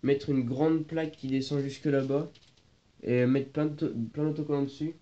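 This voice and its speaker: Speaking at normal speed, a teenage vlogger with a stuffy cold has a mellow, medium-pitched voice and a flat delivery, though he hesitates and searches for words. He films his moped workshop session on a phone, handheld and then propped. Expect dull, noisy lo-fi audio.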